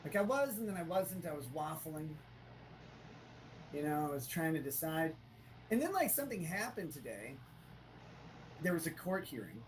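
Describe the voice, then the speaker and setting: A man chatting on a live stream through a tinny, low-quality built-in computer mic, rambling and restarting his sentences. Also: very animated, moderate pace, pauses often, slight background noise. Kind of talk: casual live-stream chat.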